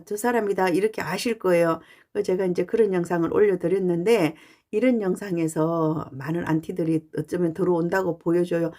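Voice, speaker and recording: A woman fan channel YouTuber talking casually and earnestly to her viewers, pausing often with "uh". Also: on the low side, a little mellow. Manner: chatty and earnest, with frequent "uh" pauses. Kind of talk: casual talking-head monologue.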